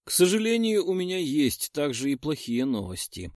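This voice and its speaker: A sly fairy queen speaks with a mocking, self-satisfied air, as a man raises his voice to play her in an audiobook. Her lines rise and fall with lively pitch. The recording is close and dry. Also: moderate pace, dry recording. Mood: amused, scheming. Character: proud scheming woman, queen of summer.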